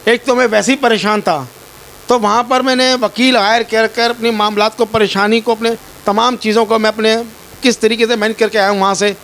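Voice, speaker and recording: Speaking fairly quickly in a high, slightly bright voice with a steady tone, a man from Pakistan tells a reporter about his ordeal. He is distressed and pleading and often repeats himself, and there is slight background noise.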